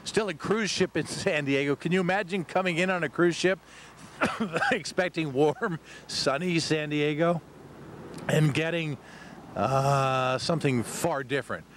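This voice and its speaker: A man's voice: on the high side, moderate pace. American TV weatherman, noisy outdoor live shot. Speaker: TV weather forecaster. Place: outdoors on a city waterfront at night. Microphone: handheld microphone.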